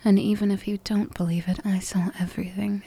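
A woman whispers close to the mic in a slow, soothing comfort roleplay. Her voice is mellow and breathy, staying flat and even. The sound is dry with no room around it. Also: mid-range voice, no echo. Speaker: ASMR roleplay performer.

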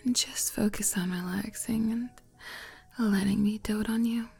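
A woman performing a whispered role-play as a doting, flirty, motherly woman, intimate and close as if right in the listener's ear, coaxing softly. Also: medium pitch, fairly even intonation, creaky, husky, full character voice. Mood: tender, soothing. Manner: slow, coaxing, soft giggles.

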